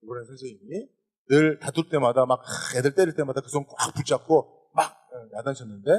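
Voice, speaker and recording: A man preaching a sermon as pastor, animated, often addressing the congregation directly. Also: mid-range voice, a little fast, breathy edge. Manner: animated preaching with calls of "여러분".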